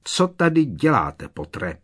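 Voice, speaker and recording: A man's voice: mid-range voice, wildly swooping pitch, husky, pitched above the performer's own voice. A man voicing a scornful, stern male professor with a cold, sneering manner in an audiobook. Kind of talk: audiobook character voice.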